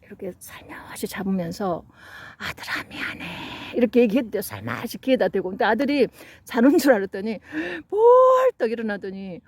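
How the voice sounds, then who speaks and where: A woman's voice: mid-range voice, expressive, fast, few pauses, a little mellow, no room sound. A middle-aged woman giving a psychology lecture, telling stories in an earnest way and acting out what parents and children said. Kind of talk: lecture with anecdotes.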